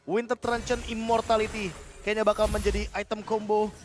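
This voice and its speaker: A man's voice: high-pitched, flat delivery, moderate pace, slight background noise. A man with an Indonesian accent explaining tactics as an analyst during live esports commentary. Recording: loud music behind the voice. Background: music.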